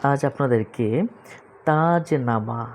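A man's voice: medium pitch, slow pace, slight background noise. A male Islamic preacher giving a devotional talk and reciting prayers in a chanting cadence. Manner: steady preaching, rising to a chanting cadence for litanies. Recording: slightly dull lo-fi audio.

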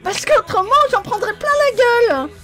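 A woman's voice: very high-pitched, big pitch swings, moderate pace. A woman voicing a tipsy, giggly female biker boxer in an improvised game role-play, with a lisp that turns s into sh. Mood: panicked, apologetic. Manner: lisps, saying sh-like sounds for s.

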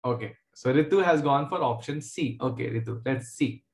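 A man's voice: medium pitch, normal speed, gravelly. Echoey South Indian man teaching class. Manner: conversational, joking with students. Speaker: maths teacher. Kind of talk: informal online class teaching. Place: indoor room, online video class. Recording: roomy, echoey online class audio.

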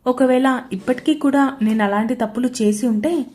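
A woman voicing an arrogant, teasing young husband in a loud, taunting way. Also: sits high, normal speed, natural voice. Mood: firm. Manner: louder, taunting delivery.

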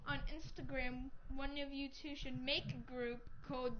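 High-voiced woman streamer, rambling and joking. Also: moderate pace. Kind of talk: casual gaming chat. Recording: dull lo-fi audio with steady noise.

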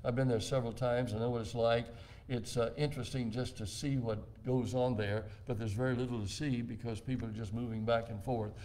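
Older pastor preaching slowly and deliberately. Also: male voice, mid-range voice, little pitch movement, mellow. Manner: measured, deliberate preaching with slow emphatic phrases. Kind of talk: sermon. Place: church.

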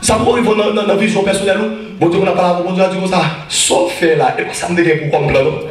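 A man with a Haitian accent, preaching as an evangelist in a church, often shouting and repeating phrases. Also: sits high, fairly even intonation, fast, a little hiss or hum. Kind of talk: preaching a sermon. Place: church sanctuary. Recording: echoey church hall from far off.

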